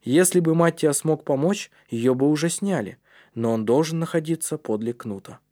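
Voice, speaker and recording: A man reading a storybook aloud as narrator in a steady, measured way. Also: on the high side. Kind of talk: audiobook narration.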